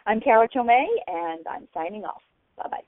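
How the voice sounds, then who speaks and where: A woman hosting a conversational radio interview, effusive and a little halting. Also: fairly high pitch, animated, no room sound. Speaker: radio show host. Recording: dry, muffled narrow radio sound.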